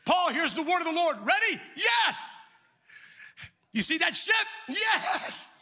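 A male pastor preaching a sermon, shouting in a sing-song call-and-response style. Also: very high voice, very animated, a little fast, gravelly.

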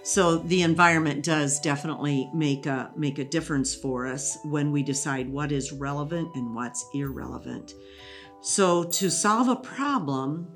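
A woman educator explaining thinking skills in a relaxed interview, teacherly and quick to laugh. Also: low-pitched. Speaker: educator guest. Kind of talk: conversational interview.

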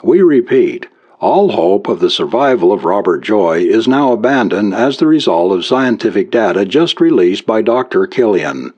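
Man doing a grave newsreader on the radio, husky, kinda muffled recording. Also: fairly low pitch, very animated, moderate pace, a little mellow. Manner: formal bulletin delivery. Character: male radio news announcer, formal and urgent. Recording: dull lo-fi recording.

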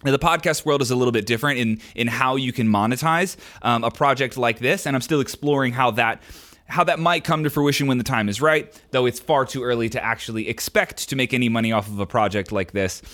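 A little fast and fairly bright in tone, a young man's mid-range voice carries his podcast as he takes listener questions. He answers candidly and loosely, with plenty of ums and restarts, into a podcast microphone.

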